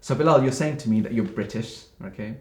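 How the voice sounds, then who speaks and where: A man's voice: mid-range voice, fairly quick. A man interviewing a guest, asking direct, probing questions. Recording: roomy echo.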